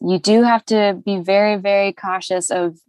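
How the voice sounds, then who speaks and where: A woman's voice: mid-range voice, moderate pace, dry recording. Chatty woman voice actor, dry sound. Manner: chatty, animated, laughs often, many fillers. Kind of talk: casual interview chat.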